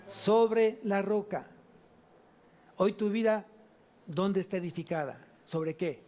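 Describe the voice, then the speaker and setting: A male pastor with a Mexican Spanish accent delivers a sermon in a noticeably high voice. He keeps putting rhetorical questions to his listeners and slows right down to stretch out the words he wants to land. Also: a little mellow. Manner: asks the congregation many rhetorical questions, stretches key words slowly. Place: church service.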